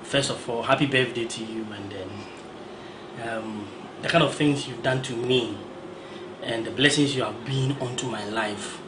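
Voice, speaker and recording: A man's voice: mid-range voice, moderate pace. A man, a music director, giving an earnest, grateful birthday message. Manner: earnest, grateful, with small hesitations. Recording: echoey room with background noise.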